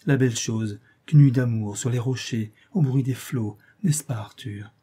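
Male reader doing a lovesick young peasant girl for a storybook, impassioned pleading, raised pitch, husky edge. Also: a little slow, warm tone. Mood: desperate pleading.

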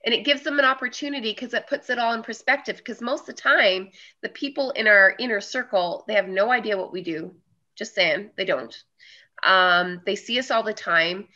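A woman's voice: mid-range voice, normal speed. A woman hosting a podcast, speaking in an affirming way and stressing her points through repetition. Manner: warm, affirming, emphatic repetition. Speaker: podcast host. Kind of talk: casual interview chat. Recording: dull lo-fi audio.

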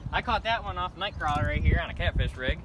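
Teen man, animated pitch, slangy joking, loud outdoor noise, phone camera. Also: fast. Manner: laid-back, slangy, joking. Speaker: angler. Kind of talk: casual chat while fishing. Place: outdoor riverside walkway.

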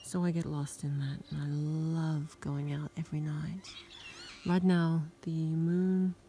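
A woman whispering a soft, awed nature ASMR vlog outdoors on her farm at dusk, recorded on a handheld phone. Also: low voice, level tone, unhurried. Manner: soft, hushed, reflective and awed. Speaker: farm vlogger.

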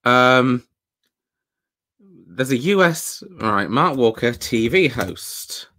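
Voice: expressive, takes it slowly, a bit bright. A streamer giving casual, sardonic and sweary reaction commentary on an old TV show, speaking into a desktop mic at home. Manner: sardonic and sweary, with big swings in pitch.

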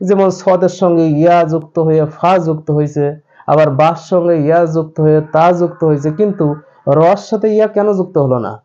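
A man teaching Quran reading in a recorded class, asking and answering his own questions and drawing out example words slowly to show how they sound. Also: a little high, warm tone, muffled recording. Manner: repeats examples slowly, drawing out vowels to demonstrate pronunciation; addresses viewers directly, asks and answers his own questions.

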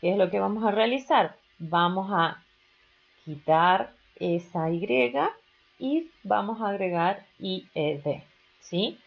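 A woman teaches a recorded grammar lesson, taking her time over each rule. Her pitch swings widely as she stresses key words and asks quick checking questions. The sound is a little dull and lo-fi. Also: animated, creaky. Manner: slow, patient explaining with rising questions to students. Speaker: English teacher.

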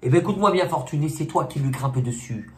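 A man putting on the voice of a bossy elder relative who scolds and lectures about family honour, in a shrill, theatrical comic bit. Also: animated, quick pace, lightly acted. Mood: scolding, comic. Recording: echoey room, faint noise.

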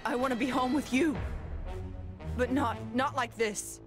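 A guarded adult android from an anime game, a firm woman. Her voice is high and insistent, with clear music underneath. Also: unhurried. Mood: conflicted. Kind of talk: anime game dub acting.

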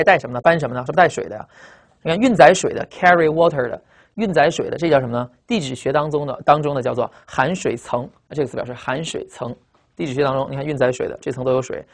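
A man teaching English vocabulary in a lecture, repeating key words and asking rhetorical questions. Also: a little high.

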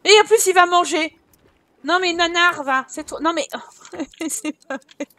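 A woman's voice: extremely high pitch, a little slow, bright, forceful tone. A woman hosting a gaming channel, giving casual gameplay commentary, chatty and joking as she thinks aloud.

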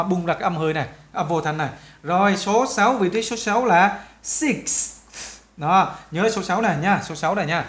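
A man with a Vietnamese accent teaching an English lesson, patiently repeating words slowly for students to copy. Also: high-pitched, fairly bright tone. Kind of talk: explaining English grammar to students.

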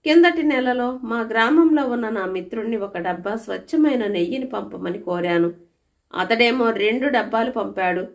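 A woman voicing a shrewd, wise male royal minister who speaks calmly and turns stern, in a storybook reading. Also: on the high side, moderate pace, natural voice. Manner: calm, persuasive, stern when warning.

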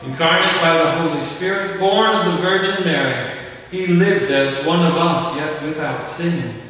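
A man leading a church service as priest, reciting a formal liturgical prayer in a measured, solemn way, with a cathedral echo around his voice. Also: fairly high pitch, bright, forceful tone. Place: large church. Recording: echoey church from far off, faint hiss.

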